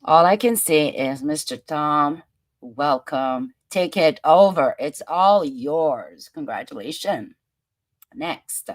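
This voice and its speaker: On a laid-back commentary show, the French-accented host reacts playfully to news clips, chatting, laughing, and musing aloud. She speaks slowly in a low-pitched, animated voice.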